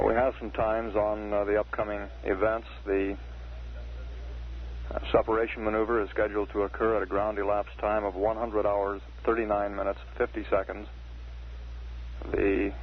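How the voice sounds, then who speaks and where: American guy doing deadpan mission control commentary, halting, monotone, dull old recording. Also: fairly low pitch. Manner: deadpan, hesitant with frequent pauses. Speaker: mission control public affairs announcer. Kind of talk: measured mission status commentary. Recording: dull 1960s broadcast with faint hiss.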